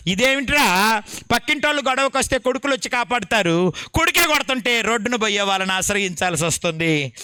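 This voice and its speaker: A male pastor, telling a story in an animated sermon. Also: high-pitched, no echo, studio quality. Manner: animated storytelling, dramatic retelling.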